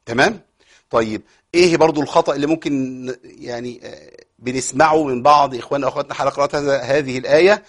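A man's voice: medium pitch, racing, long pauses. A man with an Egyptian accent teaching a tajweed lesson, explaining rules, asking rhetorical questions and answering them himself. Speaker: Quran recitation teacher. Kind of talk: tajweed lesson with recited examples.

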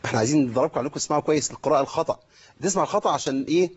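A man's voice: a little high, very fast, breathy edge, dull audio. A man with an Egyptian Arabic accent teaching Quran recitation rules, asking questions and answering them himself. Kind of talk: tajweed lesson with recited examples.

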